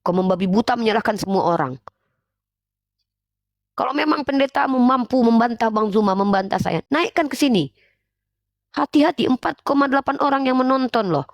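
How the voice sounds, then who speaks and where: A stern woman preacher scolds in a live-stream lecture and hammers her accusations home again and again. Her voice sits fairly high and sounds dry and close, with almost no room echo. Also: expressive, fairly quick, pauses often. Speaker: livestream Islamic preacher and host.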